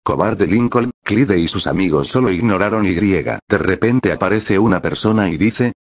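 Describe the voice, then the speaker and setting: A man reading a fan-written story aloud at a flat, steady pace. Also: low-pitched, normal speed, no echo. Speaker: narrator.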